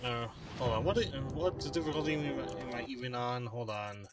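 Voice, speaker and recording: Man, mid-pitched voice, casual let's play commentary, gaming. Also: fairly quick, over music. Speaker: let's player.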